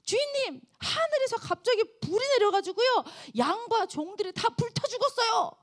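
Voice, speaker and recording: A woman preacher voicing a panicked male servant who rushes in with terrible news, pleading and high-pitched. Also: animated.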